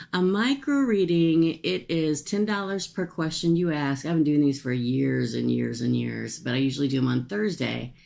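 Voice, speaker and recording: This livestream host, who sells psychic-style readings, has a low, gravelly voice with vocal fry and a slightly mellow quality. A recent tooth extraction has left her jaw and cheek swollen and sore as she speaks. She addresses viewers in a folksy, chatty way, wandering between asides.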